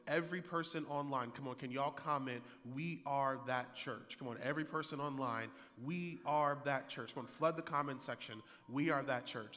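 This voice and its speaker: Bright-voiced preacher in his thirties. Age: 30s. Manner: energetic preaching, rising loud and high for emphasis, repeats key lines. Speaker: pastor. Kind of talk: sermon. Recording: hall reverb.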